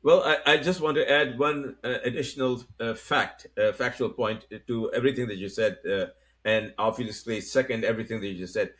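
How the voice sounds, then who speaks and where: A middle-aged man from Pakistan hosting a political discussion, speaking deliberately with frequent halting pauses. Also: mid-range voice, fairly bright tone. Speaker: host.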